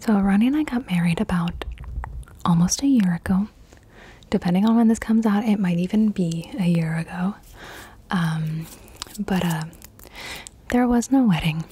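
A woman in her twenties from Colombia, whispering in a casual ASMR question-and-answer session, softly repeating words over and over. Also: mid-range voice, moderate pace, long pauses, slight background noise. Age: 20s. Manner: casual, swears freely. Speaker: ASMR creator.

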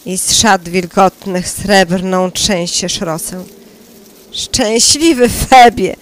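A woman's voice: medium pitch, takes it slowly, slight background noise, natural voice. A woman playing a young, lovesick male shepherd, reciting lyrical verse. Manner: lyrical, lingering delivery.

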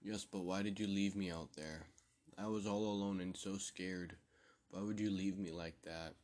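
A man's voice: deep voice, fairly even intonation, moderate pace, a little mellow, natural voice. A man voicing a sinister, scheming living doll with a small, sweet, pleading voice in a spoken horror story. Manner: wheedling, pleading.

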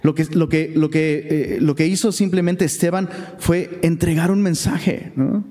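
A man's voice: on the high side, fairly even intonation, measured pace, warm tone, in a large hall. A man with a Mexican accent teaching a Bible study in a chatty, conversational way, often checking in with rhetorical questions.

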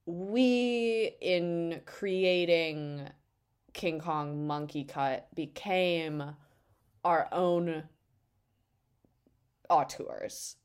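A woman's voice: on the low side, extremely slow, long pauses, smooth. A woman co-hosting a podcast, talking casually and rambling with lots of fillers and self-mocking humor. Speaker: podcast co-host. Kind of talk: casual comedic chat.

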